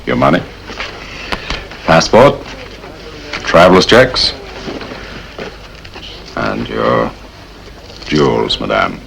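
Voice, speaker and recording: An actor playing a suave, wry gentleman thief in a film, understated and dryly teasing. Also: huge pitch swings, drawn-out words, creaky, pauses often, full character voice. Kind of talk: film dialogue acting. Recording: noisy film soundtrack with background rumble.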